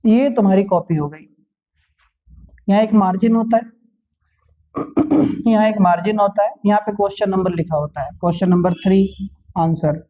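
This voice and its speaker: A man who teaches physics, giving exam tips in a relaxed classroom talk, repeating each point and joking with students. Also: high-pitched, moderate pace, long pauses, lo-fi sound. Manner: chatty, repeats each point, calls students "bhai", light jokes.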